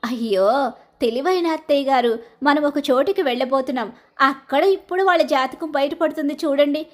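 A woman narrating a storytelling recap of a television drama in a lively, dramatic way. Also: high-pitched, moderate pace.

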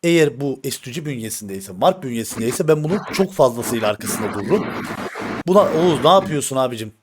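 A man's voice: medium pitch, lively intonation, fast, noisy background. A man streaming live, venting bluntly to his viewers with slang and swearing, and repeating himself for emphasis. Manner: addresses the audience directly, repeats himself for emphasis. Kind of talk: casual stream talk to viewers.

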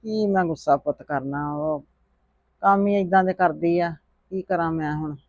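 A man playing a gentle, meek elderly grandmother who talks softly and resignedly, fearing any quarrel. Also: fairly high pitch, moderate pace, no room sound, lightly acted. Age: older. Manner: soft-spoken, resigned complaining. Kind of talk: family drama vlog acting.

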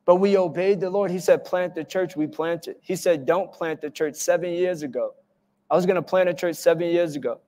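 Pastor guy telling stories from the pulpit, voice up a bit high, big echoey church hall. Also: fairly quick. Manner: animated storytelling with acted-out quotes. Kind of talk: sermon. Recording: church hall with long reverb.

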